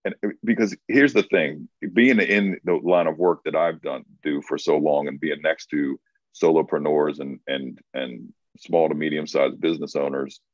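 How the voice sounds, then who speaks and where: Dry, dull lo-fi audio with no room sound captures a very deep male voice, steady in tone and moderately paced. The speaker, a writing coach co-hosting a casual advice talk, is reflective and tends to restart his sentences and repeat words.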